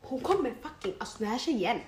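A young woman co-hosting a casual chat, telling stories in an animated, slangy way and swearing often. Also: a little high. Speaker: podcast co-host. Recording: echoey room with faint noise.

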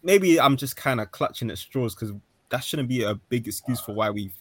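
A man's voice: medium pitch, lively intonation, moderate pace, slightly rough, dry recording. A man chatting casually as a football fan, recorded with slight background noise. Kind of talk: casual chat.

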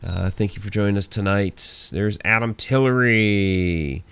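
Gravelly, smooth-voiced man in his forties. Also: on the low side, unhurried, fairly bright tone. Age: 40s. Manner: reads out listener names with thanks, easygoing and chatty. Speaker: host of a live internet radio show. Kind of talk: casual live-show sign-off chat.

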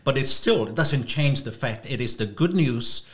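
A man answering interview questions as a podcast guest, in a measured, halting way with repeated words. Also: medium pitch, lively intonation. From Mangere, South Auckland, of Niuean descent.

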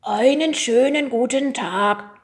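A woman's voice: high voice, voice pushed up. A woman doing a boy faking a school inspector. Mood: pompous. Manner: slow, put-on pompous.

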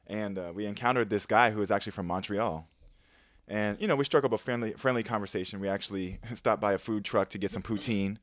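American guy cohosting a podcast, lowish voice, dry close sound, rambly, trips over his words. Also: quick pace, no echo. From United States. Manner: rambling storyteller, stumbles and restarts, laughs as he talks. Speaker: podcast co-host. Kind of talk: casual chat.

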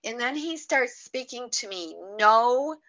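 A woman's voice: mid-range voice, takes it slowly, fairly bright tone, low-quality recording. A woman sharing her personal faith testimony as a radio guest, earnest and heartfelt.

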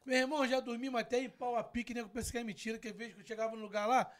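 A man's voice: very high-pitched, rapid-fire. A man telling a long story in casual slang, acting out the dialogue. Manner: animated, slangy, acts out quoted dialogue. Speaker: guest storyteller.

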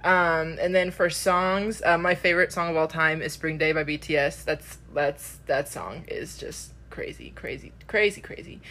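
A woman's voice: low voice, steady tone, pushed and bright. Gushing young woman podcast co-host. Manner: gushing, laughing, fast fan talk. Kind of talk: casual chat.

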